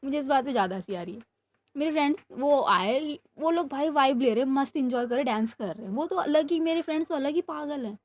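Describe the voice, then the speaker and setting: A young woman speaks quickly in a high voice from her bedroom, where she rambles animatedly, chatting and then telling a story for her storytelling channel. A neighbour's music is audible in the background.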